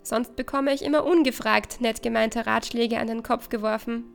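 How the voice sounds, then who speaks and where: A woman's voice: a little high, fairly even intonation, moderate pace, vocal fry, soft background music. A woman reading a second-person story aloud in an intimate, conversational way.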